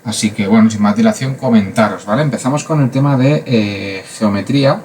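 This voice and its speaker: A man's voice: lowish voice, brisk, a little mellow, a little hiss or hum. Casual Spanish-from-Spain man teaching math. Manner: casual, chatty, many fillers and asides. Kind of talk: casual recorded lesson.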